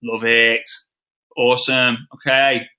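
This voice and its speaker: A young man with a Scouse accent teaching a live webinar, energetic, often restarting sentences and acting out both sides of sample conversations. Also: mid-range voice, slow. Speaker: webinar host.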